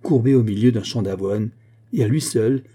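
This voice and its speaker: A man reading a literary story aloud as narrator, in a measured, even manner. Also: fairly low pitch, husky. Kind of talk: audiobook narration.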